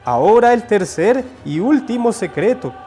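A man voicing a wise, sly old grandfather toad in a storybook, speaking slowly and calmly. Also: high voice, soft background music.

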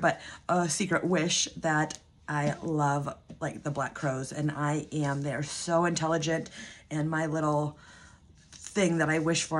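Low and husky, the voice belongs to a thirtysomething woman making a budgeting vlog at home. She chats to camera in a rambling way, full of ums and restarts, as she loses her voice.

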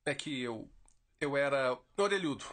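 An actor playing a kindly grown man in a dubbed telenovela, talking softly and reflectively. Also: medium pitch, lively intonation, normal speed, lightly acted.

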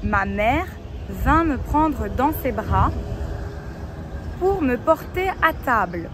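A woman's voice: on the high side, sing-song. A young woman dictating a text outdoors, phrase by phrase, as a teacher would. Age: young adult. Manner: dictating slowly with repeats and spoken punctuation. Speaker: French teacher. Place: outdoors in a city park. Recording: clear outdoor street and traffic noise.

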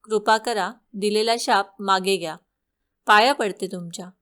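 A woman's voice: mid-range voice, unhurried, a bit bright, natural voice. A woman storyteller voicing a young princess who earnestly begs an old woman for forgiveness. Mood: pleading. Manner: earnest pleading. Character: young princess, humble and pleading.

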